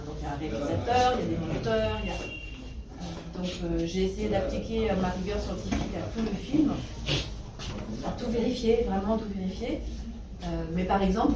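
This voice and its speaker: French woman historian, roomy and distant. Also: medium pitch. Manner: thoughtful, many hesitations and restarts. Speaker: historian and university lecturer. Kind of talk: conversational talk answering questions. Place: meeting room. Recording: roomy echo from a distance, noisy room.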